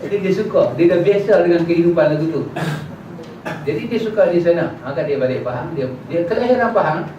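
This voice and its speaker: A man giving a religious lesson in a prayer hall and answering questions, acting out little dialogues in a casual, lively way. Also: on the high side, quick pace. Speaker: religious teacher. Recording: echoey hall, distant mic, dull, noisy.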